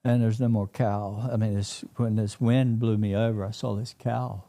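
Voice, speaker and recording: A man telling a personal story in an interview, in a halting, plain-spoken way that repeats words. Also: on the low side, flat delivery, warm tone. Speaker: interview guest.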